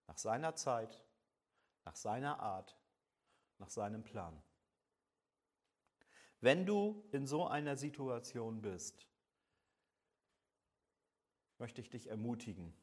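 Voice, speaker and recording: A man's voice: fairly low pitch, darkish tone. German-speaking man preaching in a chatty way. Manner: conversational, asks the listener direct questions, acts out imagined voices. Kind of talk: sermon.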